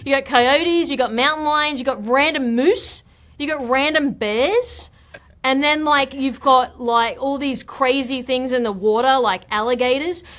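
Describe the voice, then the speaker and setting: A woman with an Australian accent chats as a guest on a podcast. Her voice sits fairly high, and she talks plainly and directly, leaning on fillers like "look" and "like". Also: unhurried, a bit bright. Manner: chatty and direct, leans on "look" and "like". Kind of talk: casual interview chat.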